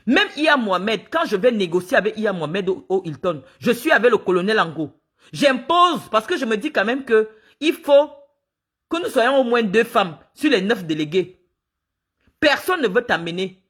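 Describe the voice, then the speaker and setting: A woman's voice: medium pitch, a bit bright, breathy edge. Indignant woman telling her side. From Cameroon. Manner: indignant, emphatic storytelling with quoted dialogue. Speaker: sports official speaking out. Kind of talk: spoken monologue, recounting and accusing.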